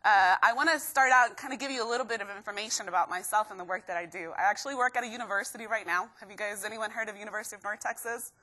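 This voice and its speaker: A young woman from Guatemala giving an energetic live motivational talk to students, constantly asking the crowd questions. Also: medium pitch, very fast, hardly any pauses. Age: young adult. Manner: energetic, keeps quizzing the crowd. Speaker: motivational speaker.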